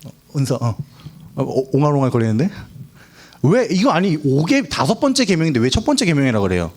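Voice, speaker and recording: Lively, playful young man preaching to teens. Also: on the high side, a little fast. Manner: playful, asks the students questions, acts out quotes. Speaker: youth pastor. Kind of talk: lively youth sermon. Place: church hall.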